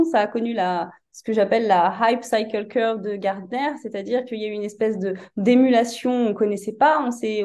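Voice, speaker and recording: Agreeable woman interviewer, mellow tone. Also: medium pitch. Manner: affirming, quick agreement, hesitant restarts. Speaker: podcast host. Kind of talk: interview conversation.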